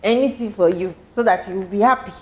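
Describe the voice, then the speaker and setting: A woman's voice: mid-range voice, fast, reverberant, soft background music, natural voice. A woman playing an apologetic young Nigerian housemaid who pleads and apologises. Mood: pleading.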